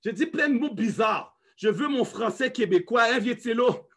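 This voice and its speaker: A man's voice: very high-pitched, animated, normal speed, fairly bright tone. A man with a faded Quebec French accent leading a live motivational call, urging his team on, swearing and slipping into English. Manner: mixes English phrases, urging and pleading; swearing, emphatic. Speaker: network marketing leader.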